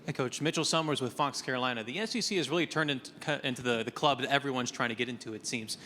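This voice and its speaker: A male TV reporter asking a question quickly at a press conference. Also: medium pitch, bright, forceful tone. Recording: distant from mic in echoing hall with faint room noise.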